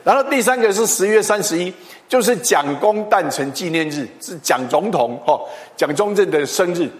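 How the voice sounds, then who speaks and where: High-voiced pastor in a hall. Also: male voice, moderate pace. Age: middle-aged. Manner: animated, chatty, with tag particles and restarts. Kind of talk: storytelling sermon. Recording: long hall reverb.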